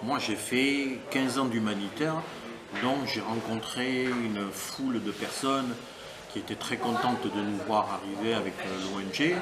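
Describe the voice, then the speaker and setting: A middle-aged man from France, answering interview questions in a thoughtful, measured and lyrical way with pauses. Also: lowish voice. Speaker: interviewee helping at a family guesthouse. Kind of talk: casual interview. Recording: roomy sound with crowd chatter behind.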